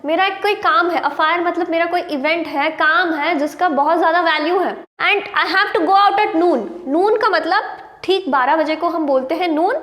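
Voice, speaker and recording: A woman's voice: extremely high pitch, fairly bright tone. A woman teacher, patiently explaining an English story and word meanings in a lesson. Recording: roomy room with long reverb.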